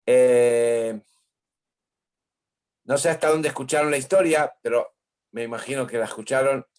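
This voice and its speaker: A man, a rabbi telling stories in an earnest, animated sermon. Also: mid-range voice, unhurried. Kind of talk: storytelling sermon.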